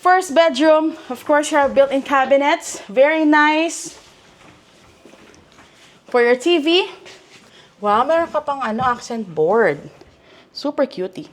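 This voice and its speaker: A woman's voice: high voice, lively intonation, slow pace, pauses often. Chatty Filipino woman giving a house tour. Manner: chatty, enthusiastic, code-switching, exclaims often. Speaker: property tour host.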